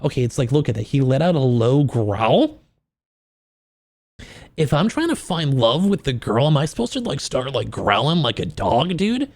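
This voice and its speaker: A man with a mid-range voice, big pitch swings and a moderate pace livestreams a book reaction. He alternates between reading aloud and joking, profane, self-deprecating asides to his chat.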